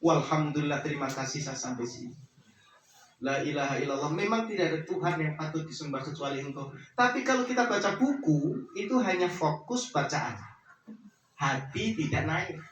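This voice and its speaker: A man's voice: fairly high pitch, moderate pace, slight background noise. Echoey far-off religious teacher, man. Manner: lively, dropping to hushed prayer voice, addresses listeners directly. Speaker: religious teacher guiding pilgrims. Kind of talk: religious teaching talk at a farewell gathering. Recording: very echoey, from far off, faint ambience.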